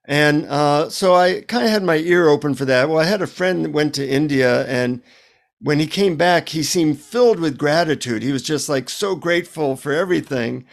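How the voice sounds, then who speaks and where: A man's voice: on the high side, normal speed, vocal fry. A man, a psychotherapist and author, telling humorous stories in a casual interview. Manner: lively anecdotal storyteller, humorous asides.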